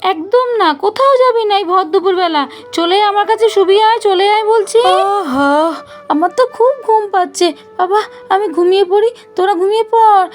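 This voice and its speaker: A woman's voice: very high voice, moderate pace, soft background music. A woman doing a tired, firm cartoon mother. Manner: scolding, coaxing. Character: tired village mother, firm but tender.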